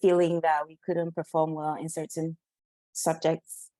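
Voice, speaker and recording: A young woman from Cameroon, a guest on a podcast, speaking in a thoughtful, measured way. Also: sits low, level tone, dark tone, no echo. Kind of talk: conversational interview.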